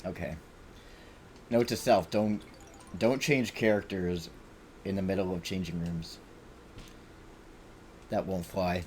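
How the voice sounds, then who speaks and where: A man's voice: deep voice, fairly even intonation, slow pace, long pauses, a little mellow, a little hiss or hum. A man streaming a video game, rambling and swearing as he talks to himself and his viewers. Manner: rambling, profane, self-talking. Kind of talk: casual gameplay commentary.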